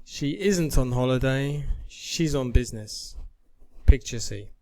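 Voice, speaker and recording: A man working through a beginner English lesson, reading each drill sentence slowly and deliberately. His pitch sits in an ordinary middle range. He paces himself for learners. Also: lively intonation, dark tone. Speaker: English teacher. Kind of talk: slow, careful lesson reading.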